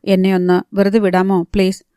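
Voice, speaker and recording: A woman's voice: mid-range voice, monotone, moderate pace, mellow, clean tone, no echo, studio quality, lightly acted. Woman reading as a sullen, curt young husband. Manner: short, cold replies.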